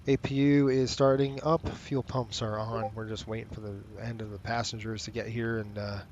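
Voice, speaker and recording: A man's voice: lowish voice, level tone, normal speed, darkish tone, muffled recording. A man talking like a pilot on a cockpit headset, mixing clipped procedural callouts and radio calls with casual, offhand muttering. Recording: noisy, with background cockpit ambience.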